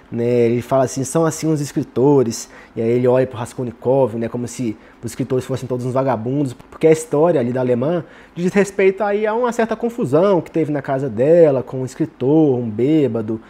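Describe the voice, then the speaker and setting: A man with a Brazilian Portuguese accent talks through a novel chapter in an easy, conversational way. He ends almost every phrase with a questioning "né". His voice is warm and mellow, neither high nor low. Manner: tags nearly every phrase with "né". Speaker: literary commentator and reader. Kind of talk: casual spoken literary commentary.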